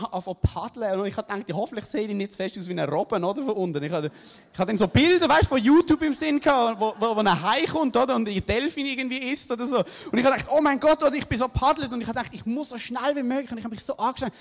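A young man with a Swiss German accent telling a personal story live, animated, tagging lines with questions. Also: very high-pitched, very fast. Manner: animated, tag questions "oder?". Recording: hall reverb.

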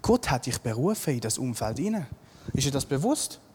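A male preacher, giving a lively sermon, acting out Bible scenes and repeating his key lines. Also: mid-range voice, brisk, husky, big-room sound.

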